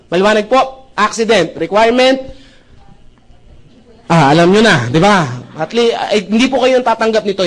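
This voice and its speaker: High-voiced joking seminar speaker man. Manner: jokey, animated, often asks the audience "right?"; mixes English into Filipino speech. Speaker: seminar speaker presenting a business opportunity. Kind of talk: live sales presentation to an audience.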